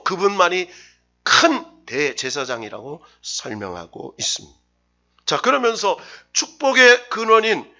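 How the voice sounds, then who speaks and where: The audio is dull as a pastor gives his Wednesday sermon in a church sanctuary. His voice sits on the high side with a sharp tone, and he emphasizes words while guiding the congregation through scripture read aloud.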